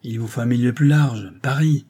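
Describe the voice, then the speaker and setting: Sharp-tongued older townswoman, shrill and scornful, husky underneath; a male reader doing her. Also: normal speed, lightly acted. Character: peevish middle-aged provincial woman, sharp-tongued.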